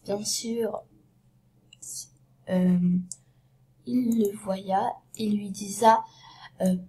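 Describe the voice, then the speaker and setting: This vlogger, a woman who has a cold, retells a story casually and without a script while laying out her props. Her medium-pitched voice stays fairly level and moves very slowly, full of stumbles, restarts, and fillers. Again and again she slips into a soft, breathy half-whisper.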